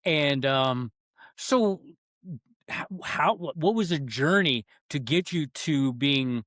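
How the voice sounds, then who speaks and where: A man hosting a podcast interview, asking halting questions with many restarts and giving brief acknowledgements. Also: on the high side, lively intonation, fairly bright tone, no echo, studio quality. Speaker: podcast host. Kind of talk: conversational interview.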